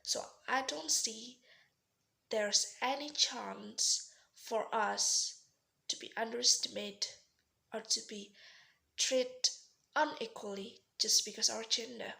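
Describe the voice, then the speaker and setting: A young Indonesian woman delivers a rehearsed formal speech in a slow, deliberate way, her bright voice edged with gravelly fry. She sounds earnest, pausing often and restarting words, with the accent of a speaker whose first language is Indonesian. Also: fairly high pitch. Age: young adult. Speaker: student giving a practice speech.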